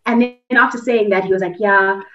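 A young woman, talking in a reflective, casual way as a podcast co-host and mimicking others in high voices. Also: quick pace, fairly bright tone, soft background music. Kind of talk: casual chat. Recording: muffled, distant mic.

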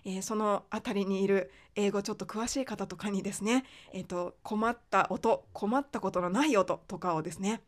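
Patient woman teaching pronunciation. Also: mid-range voice. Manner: patient, explanatory, with frequent fillers; slows down to demonstrate English sounds. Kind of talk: explanatory podcast lesson.

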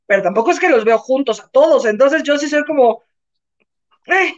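A Mexican woman co-hosting a casual live show, telling an animated story and acting out the people in it. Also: sits high, normal speed. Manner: animated, acts out voices in her anecdotes. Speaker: co-host. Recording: muffled lo-fi sound.

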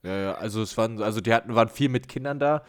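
A man co-hosting a casual podcast, telling an anecdote in an animated way and acting out bits of dialogue. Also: on the low side. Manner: animated, acts out dialogue, quick asides. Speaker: podcast co-host. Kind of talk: casual storytelling chat.

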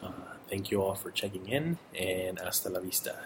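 A middle-aged Mexican man records a relaxed, rambling personal update as an audio blogger, full of fillers and self-corrections. His voice is low-pitched and moderately paced, with background noise behind him.

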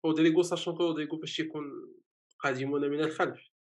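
A man's voice: a little high, fairly even intonation. A man with a Moroccan Arabic accent in casual football talk, restarting his sentences and mixing in French words. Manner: halting restarts, mixes French words into speech. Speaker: football pundit.

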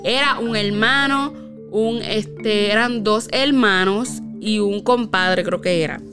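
A woman's voice: mid-range voice, slow pace, over music. A woman casually telling a spooky personal story, with lots of fillers and tag questions.

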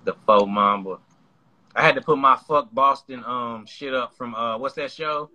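Bright-voiced profane podcast man. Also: medium pitch, moderate pace. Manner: loud, profane, emphatic. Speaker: podcast co-host. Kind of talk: casual chat.

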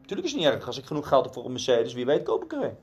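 A man's voice: medium pitch, wildly swooping pitch, racing, darkish tone, breathy edge, dull audio. Earnest man telling a sermon story. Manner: earnest, conversational, with asides.

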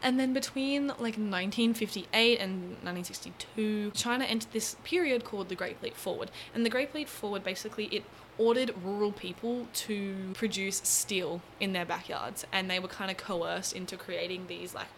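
A woman talks through economic history in a casual vlog, chatty and a little playful, jumping up in pitch for asides. Her voice sits at a middling pitch. A faint noise hums under the recording. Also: normal speed, hardly any pauses, rough recording. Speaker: vlogger explaining economics.

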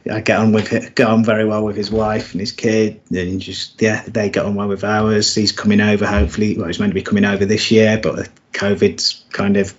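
A man's voice: on the low side, flat delivery, brisk, hardly any pauses. A middle-aged man co-hosting a podcast, chatting in a friendly way and calling people mate. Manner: friendly, says "mate" a lot. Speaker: podcast co-host. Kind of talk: casual chat. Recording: dull lo-fi sound.

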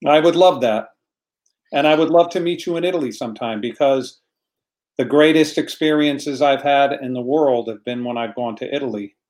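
An American man with a mid-range, slightly mellow voice speaks at a normal pace. He's a guest in a casual online chat, telling a story earnestly and repeating words while he hunts for the right ones.

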